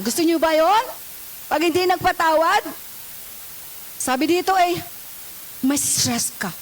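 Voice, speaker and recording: A woman's voice: extremely high pitch, a little hiss or hum, rough recording. A woman pastor with a Filipino accent preaches a sermon in a church, switching between scripture read in English and Tagalog and asking the congregation questions.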